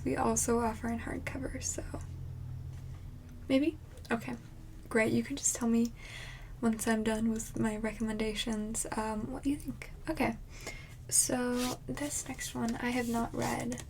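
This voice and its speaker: A woman in an ASMR role-play as a friendly librarian, chatting casually and haltingly in a soft, breathy soft voice. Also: slight background noise. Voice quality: soft, breathy soft voice with some low voicing.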